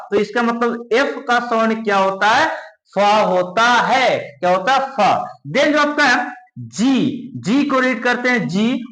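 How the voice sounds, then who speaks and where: A man's voice: extremely high pitch, bright, forceful tone, reverberant, rough recording. A man teaching English letter sounds, repeating questions and answers to his students. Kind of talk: spoken English lesson.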